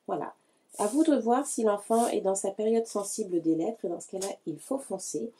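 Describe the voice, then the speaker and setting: A woman calmly explaining a hands-on learning activity to parents, speaking directly to them in a patient tutorial style. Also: medium pitch, normal speed, husky. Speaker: early-learning educator.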